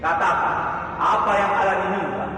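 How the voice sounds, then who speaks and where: Echoing, imperious dark lord played by a man. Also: high voice, steady tone, normal speed, close to an everyday voice. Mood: imperious, menacing. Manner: commanding, ominous dark-lord delivery. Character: dark lord, male supreme king of darkness, imperious. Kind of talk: fantasy television drama acting. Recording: very echoey cavernous reverb, distant, music behind.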